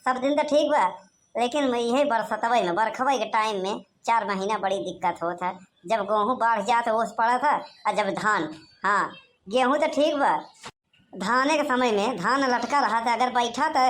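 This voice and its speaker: A woman voicing a sly, haggling village man in a cartoon, talking in loud rustic Awadhi with constant tag questions. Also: a little high, normal speed, lightly acted. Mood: pleading complaint. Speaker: villager voter. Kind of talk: cartoon comedy voice acting.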